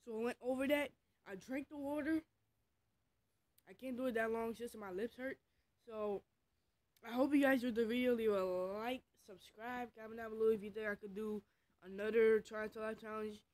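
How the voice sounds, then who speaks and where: A vlogger talking casually and haltingly into a phone in a room at home, in an informal, rambling way. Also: medium pitch, fairly even intonation, a little mellow. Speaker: vlogger recording a reaction challenge. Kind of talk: casual vlog talk.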